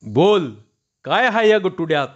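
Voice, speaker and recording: Man doing a gruff, coarse village tough. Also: high-pitched, very animated, a little slow, highs cut off. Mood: menacing. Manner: gruff, coarse rustic speech. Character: rough, hot-headed young village man.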